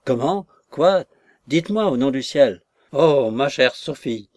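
A man voicing a frantic, lovesick young gentleman who demands answers in an urgent, exclaiming voice. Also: medium pitch, expressive, measured pace, no echo, natural voice.

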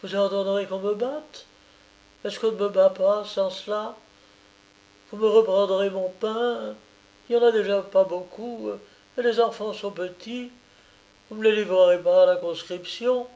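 A man's voice: sits high, steady tone, a little slow, darkish tone, voice pushed up. Man voicing a tearful pleading peasant woman. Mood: defiant. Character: poor peasant mother, pleading, fiercely virtuous. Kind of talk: audiobook character reading.

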